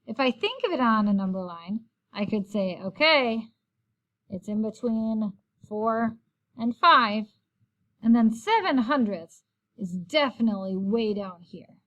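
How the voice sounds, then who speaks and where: A woman's voice: mid-range voice, a bit bright. A woman teacher walking through a recorded math lesson, explaining each step in a friendly, patient way.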